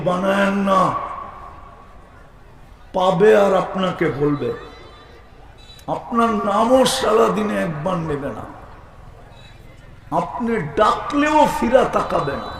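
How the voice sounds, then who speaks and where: A man preaching a live sermon, calling questions out to the crowd, shouting emphatic lines and chanting Arabic verses. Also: sits high, gravelly, reverberant, slight background noise.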